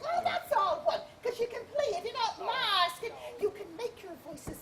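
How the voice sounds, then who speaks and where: A woman's voice: extremely high pitch, big pitch swings, normal speed, a loud crowd. A woman reading a flustered, eager director of amateur players in a comic play reading. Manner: flustered, eager, often laughing.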